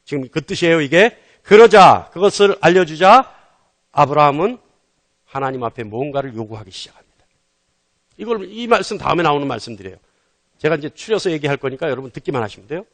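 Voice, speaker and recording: A male pastor in his middle years delivers a sermon in a notably high voice. He tells the story with animation, slipping into lively voices for the dialogue he acts out. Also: brisk.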